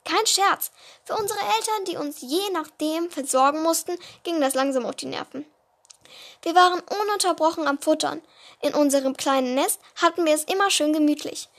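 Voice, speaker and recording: A woman reading her own story aloud, halting and often restarting words. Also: high voice. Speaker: storyteller of a podcast-style series.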